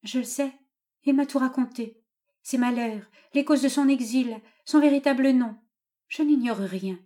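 A woman reading aloud, voicing a distressed young daughter who gently stands up to her father. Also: high voice, unhurried, voice pushed up. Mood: pleading. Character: heartbroken young daughter, gentle but firm.

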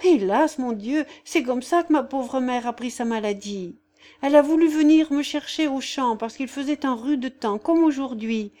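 A woman's voice: a little high, warm tone, lightly acted. A woman reading a novel aloud voices a simple, devout young peasant girl with artless, rustic phrasing. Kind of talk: audiobook character voice.

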